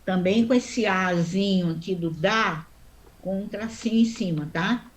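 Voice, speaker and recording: A woman's voice: mid-range voice, slight background noise. Patient woman teaching Sanskrit chant marks. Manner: patient, explains step by step, often checks in with the class; chants mantra syllables slowly. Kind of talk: online class explanation.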